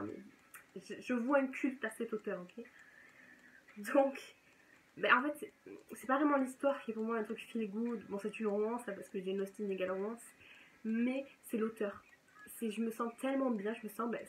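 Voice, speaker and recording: A young woman vlogs casually about her reading picks, her voice sitting a little high. She talks with eager enthusiasm and often restarts her sentences. A faint noise hums under the recording. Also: rough recording. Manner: chatty, enthusiastic, self-correcting. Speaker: book vlogger. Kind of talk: casual chat.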